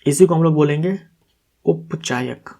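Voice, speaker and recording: A man's voice: a little high, measured pace, warm tone. A man teaching as an exam-prep tutor, walking step by step through quiz answers, asking questions and answering them himself. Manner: corrects himself aloud.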